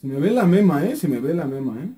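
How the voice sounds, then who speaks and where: A young Mexican man with a Mexican accent, commenting on his own gameplay, excitable, swearing freely and muttering repeated words under his breath. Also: on the high side, quick pace. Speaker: gaming YouTuber.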